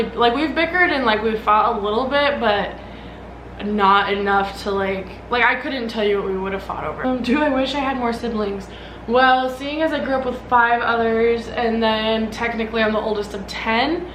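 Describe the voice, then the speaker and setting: A woman in her early twenties from Omaha, Nebraska, speaks with an American accent in a somewhat high, fairly bright voice. She's vlogging a casual get-to-know-me Q&A, answering questions about herself informally and ramblingly, saying "like" a lot. The recording has a roomy echo and clearly audible background noise.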